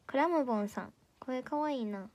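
A teenage girl with a Kansai accent, an idol audition candidate chatting casually on a livestream, playfully teasing as she reads viewer comments. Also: high voice. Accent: Kansai Japanese.

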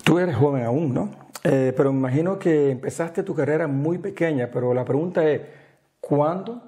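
Middle-aged male interview host, slightly high voice, mellow timbre, chatty, lapel mic. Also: moderate pace. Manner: warm, chatty questions with a little English mixed in. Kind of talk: friendly interview in a studio. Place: small indoor studio, seated.

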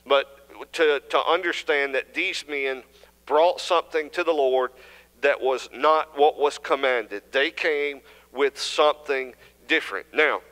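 A man's voice: medium pitch, a little slow, fairly bright tone. A young man with a Southern US accent preaching an earnest sermon from a church pulpit, building in intensity and often restarting his phrases. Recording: church hall reverb.

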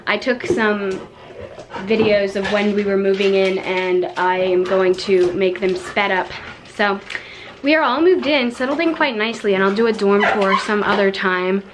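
A woman's voice: mid-range voice, background noise. A young woman chatting casually to camera in a vlog, giggly and talkative. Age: young adult. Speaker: vlogger.

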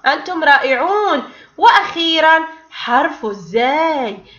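Bright, lively woman teaching small children. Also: sits high. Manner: slow, drawn-out sounding of letters, sing-song praise. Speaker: kindergarten teacher. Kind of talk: recorded online lesson for young children. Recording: dull, echoey room.

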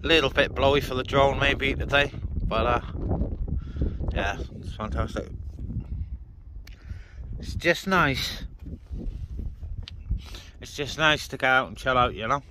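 Standing by a car on breezy open moorland, a man making a CB radio hobby vlog talks colloquially to a handheld camera or phone, with someone operating it. His mid-range voice is slow and often pauses, amid noisy vehicle and ambient sound.

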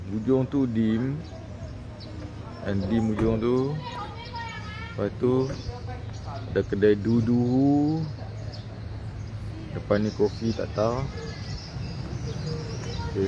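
A man's voice: mid-range voice, fairly even intonation, unhurried, long pauses, dull audio. A man with a Malaysian accent giving casual vlog commentary and chatting. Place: outside and inside a street shophouse. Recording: noisy street-side location sound.

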